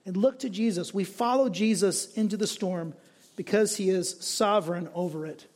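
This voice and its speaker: A man's voice: high-pitched, normal speed, a little mellow. A man preaching a sermon as a pastor, in a conversational way, often checking in with the congregation. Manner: conversational preaching with frequent tag questions.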